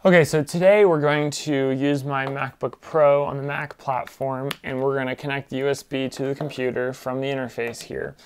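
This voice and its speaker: A young man talks through a gear demo in a small room, his voice clear and smooth at mid pitch. He keeps it casual and plain, stringing thoughts together with easy "so" and "okay". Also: normal speed, hardly any pauses. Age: young adult. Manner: relaxed and plain-spoken, with frequent "okay" and "so". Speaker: tech trainer. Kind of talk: casual how-to demonstration. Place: small room at a desk, indoors.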